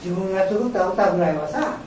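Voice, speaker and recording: An older woman, a blind guest speaker, answers questions in an informal talk to a group, patiently explaining in short phrases. Her mid-range voice is fairly quick with a darkish tone. The room is very echoey, the mic distant, with faint noise.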